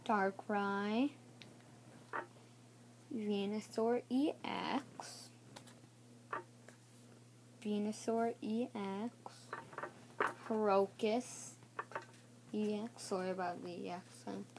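A woman showing off trading cards in a casual video, naming each one haltingly and unsure of some names. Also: medium pitch, steady tone, darkish tone, slight background noise. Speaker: card showcase vlogger. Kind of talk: casual card showcase.

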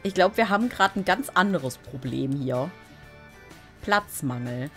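A woman chats her way through a video game in casual let's play commentary, giggling often and joking along. Her voice sits a little low and swings widely in pitch, and she takes her time. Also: animated, measured pace, a bit bright, soft background music. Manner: chatty, giggly, playfully silly.

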